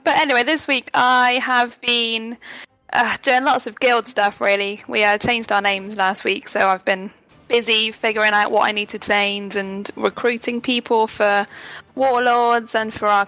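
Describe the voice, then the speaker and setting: A woman with a fairly high, very bright voice co-hosts a relaxed gaming podcast. She is playful and teasing, with a mock-sulky edge, and faint music sits beneath her. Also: low-quality recording. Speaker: podcast co-host. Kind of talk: casual gaming podcast chat.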